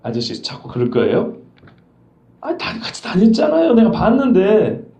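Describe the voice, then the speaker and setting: A man's voice: high-pitched, wildly swooping pitch, normal speed, dark tone, full character voice. A male pastor voicing a young servant girl who keeps pressing a man with insistent questions. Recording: roomy dull church recording.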